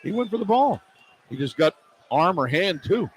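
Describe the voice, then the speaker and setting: Very animated and speaking at a moderate pace, a high-voiced radio announcer tracks a basketball game in clipped, running commentary. Soft background music plays alongside the arena crowd in this noisy live broadcast.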